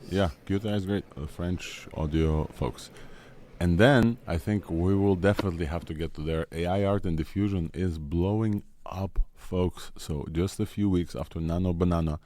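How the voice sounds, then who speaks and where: A man's voice: low voice, normal speed, mellow. A man with a Russian-Israeli accent hosting a casual, enthusiastic tech news rundown. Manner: enthusiastic, informal. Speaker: host.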